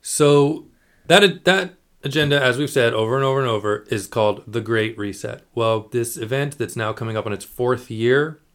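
A man's voice: mid-range voice, normal speed, fairly bright tone. A man hosting a podcast in casual chat, reading passages aloud and explaining them in a loose, rambling way. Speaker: podcast host.

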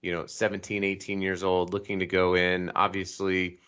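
A man's voice: sits low, monotone, moderate pace, a bit bright, clean tone, lo-fi sound. A man from Colorado hosting a podcast interview, upbeat and rambling, with many self-corrections. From Colorado, United States. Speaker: podcast host. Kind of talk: casual interview talk over a call.

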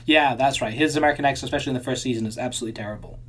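A man's voice: mid-range voice, rapid-fire, a bit bright, husky. A man co-hosting a podcast in casual chat, thinking aloud with frequent restarts and repeated words. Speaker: podcast co-host.

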